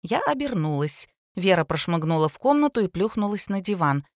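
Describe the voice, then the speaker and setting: A woman narrating a story in a lively, ironic storytelling manner. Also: fairly low pitch, a little fast, dry recording, studio quality. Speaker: audiobook narrator. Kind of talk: scripted narration.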